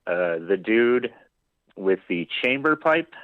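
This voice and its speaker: Laid-back male caller over a dull phone line; relaxed delivery. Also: fairly low pitch, slow. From Denver area, USA. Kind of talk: casual call-in chat.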